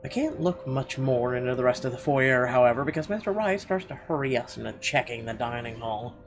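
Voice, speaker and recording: A gaming video host, a man with a medium-pitched, expressive voice, talks a little fast as he reads game narration aloud and throws in casual, irreverent, profane reactions. Game music is clearly heard behind his voice.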